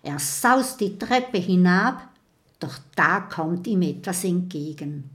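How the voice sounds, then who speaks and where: Slow, dramatic woman storyteller. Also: on the low side, lively intonation. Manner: measured, dramatic read-aloud delivery. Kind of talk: children's story narration.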